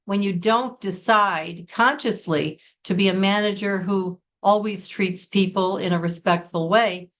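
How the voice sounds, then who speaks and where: This is a scripted, to-camera business English lesson led by a middle-aged Connecticut woman from the United States. Her mid-pitched voice is a bit bright, and her sincere, carefully paced explanations put weight on important words.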